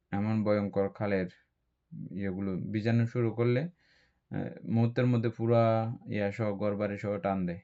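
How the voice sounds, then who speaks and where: A man's voice: on the low side, darkish tone. A man, a Buddhist monk, teaching dharma, explaining patiently and asking rhetorical questions. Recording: dull lo-fi recording.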